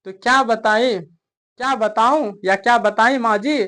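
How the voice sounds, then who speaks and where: A man's voice: extremely high pitch, a little slow, pushed and bright. Chatty male teacher. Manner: keeps quizzing the listener, chatty and coaxing. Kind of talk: explaining a story in a recorded lesson.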